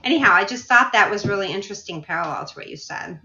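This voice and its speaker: A woman in her forties tells a story in a relaxed, rambling way, peppering it with "like" and "you know." Her voice is bright and forward. The recording is roomy and a little muffled. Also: mid-range voice, fast. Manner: storytelling, chatty with many fillers. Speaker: podcast co-host. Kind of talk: casual chat. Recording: roomy, slightly dull sound.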